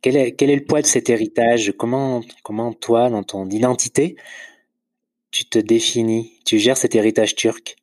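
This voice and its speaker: A man's voice: mid-range voice, fairly even intonation, normal speed, a little mellow, no room sound. A man interviewing a guest, rephrasing his questions as he probes. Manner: probing, restates and rephrases questions. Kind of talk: casual conversational interview.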